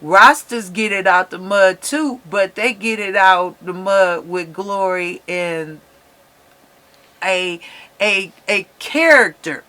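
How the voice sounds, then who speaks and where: A man's voice: high-pitched, takes it slowly, sharp tone. A man co-hosting a casual interview, putting questions in a wordy, roundabout way. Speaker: interviewer and co-host.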